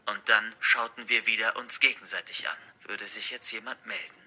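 A man reads a first-person horror story aloud, with a very bright, sharp voice. His delivery turns tense and hushed in suspense passages, and soft music plays under it. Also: on the low side, steady tone, moderate pace, breathy edge. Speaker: narrator.

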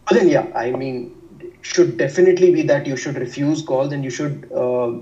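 A man's voice: medium pitch, fairly even intonation, normal speed, mellow, far from the mic, highs cut off. A young man from India with a North Indian accent, talking conversationally as an interview guest in an explanatory, self-repeating way. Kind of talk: conversational discussion of work life.

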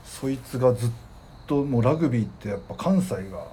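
A man from Hokkaido talks fast and rambles through his stories, letting asides trail off softly. He reads listener mail out as a co-host in a relaxed chat. A faint hiss sits under the recording. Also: medium pitch. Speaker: podcast co-host.

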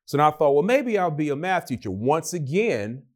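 Here a young adult male guest relates his own story in a relaxed interview, animatedly imitating the voices of everyone he quotes. He speaks at normal speed, with a slightly high voice.

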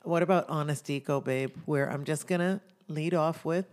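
A woman's voice: low-pitched, moderate pace, darkish tone. Playful woman chatting about travel. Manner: playful, jokey, bursts into song. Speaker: podcast co-host. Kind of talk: casual travel chat.

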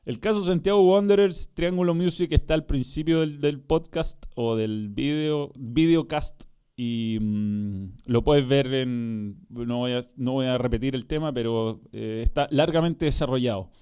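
Chilean man, smooth resonant voice, rambling sports chat, reads comments aloud, easy slangy talk. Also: medium pitch, measured pace, warm tone. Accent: Chilean Spanish. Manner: rambling, laughs often, chatty slang. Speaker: live stream sports commentator. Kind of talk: casual live-stream chat reading comments.

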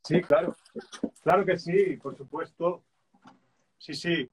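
Guy calmly explaining drum beats on a video call, slightly high voice, counts them out loud. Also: takes it slowly, slightly rough. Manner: calm and reflective, hesitant restarts, counts beats aloud. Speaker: guest musician and drummer.

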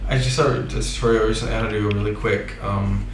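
A man's voice: lowish voice, fairly even intonation, fast talker, a crowd in the background. Goofy man in an echoey room. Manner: playful, goofy. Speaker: podcast co-host. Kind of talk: casual chat. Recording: roomy with audible noise.

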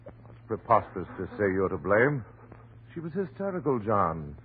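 A man playing a steady, authoritative doctor with a firm, soothing manner in a 1940s radio horror play. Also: fairly low pitch, normal speed. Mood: firm, reassuring. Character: steady, authoritative male doctor calming a distraught friend. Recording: muffled, faintly noisy old radio recording.

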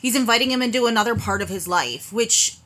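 Bright-voiced woman co-hosting casually. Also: a little high, lively intonation. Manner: quick to laugh, blunt, chatty. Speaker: podcast co-host. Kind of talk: casual chat.

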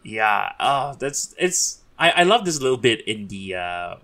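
A man's voice: on the low side, big pitch swings, unhurried, sharp tone. A man from Singapore hosting a casual podcast chat, chatty and laughing often. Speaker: podcast host.

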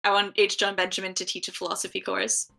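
Woman, podcast co-host; bright, sharp tone, joking, rambling delivery full of "like". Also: medium pitch, completely flat delivery, creaky. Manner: rambling, heavy use of "like", quick jokes. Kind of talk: casual chat.

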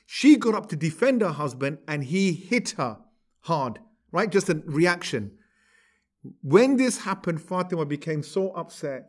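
Man, storytelling lecture, conversational, somewhat high voice. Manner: conversational, asks "right?" to check in. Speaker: religious teacher.

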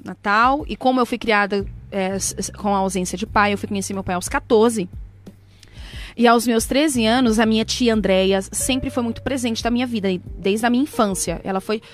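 Animated woman telling a heartfelt story. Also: on the high side, normal speed, faint music behind. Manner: emotional, animated testimony with quoted prayers. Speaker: guest. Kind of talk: casual storytelling.

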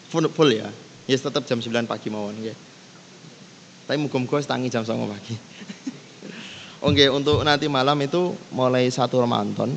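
A man's voice: medium pitch, vocal fry. A man with a Javanese accent leading a casual religious lesson, easygoing and switching between languages, reciting Arabic passages. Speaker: Islamic teacher leading kitab study. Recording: long reverb with faint background noise.

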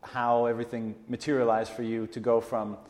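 A man of middle pitch hosts a conversation, asking casual, rambling questions. His voice carries a long reverb from the room around him. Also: little pitch movement, a little fast, a little mellow. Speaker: interviewer host. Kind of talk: conversational interview.

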